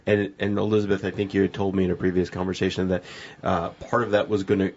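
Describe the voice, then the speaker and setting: A low, gravelly male voice leads a casual podcast interview in a chatty way, drawing out his guests with questions. The audio sounds dull and lo-fi. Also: level tone, fast talker, darkish tone. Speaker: podcast host.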